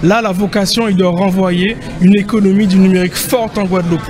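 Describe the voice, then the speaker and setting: A man's voice: sits high, fairly even intonation, fairly quick, a little mellow. A man speaking emphatically in a press interview, with rhetorical questions and tag words. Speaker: tech association co-president. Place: indoor event room. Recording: music underneath.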